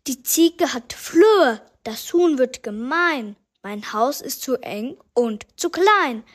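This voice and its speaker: A woman's voice: high-pitched, lively intonation, slow pace, heavily acted. A woman voicing an exasperated, complaining old grandmother in a rhyming story. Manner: rhyming, exclaiming lament.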